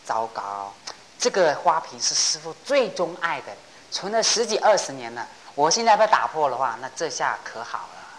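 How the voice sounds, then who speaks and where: A woman's voice: low voice, sing-song, normal speed, a little hiss or hum, low-quality recording. A woman voicing a fretful young boy novice monk in a told story. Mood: distraught. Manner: fretful, pleading.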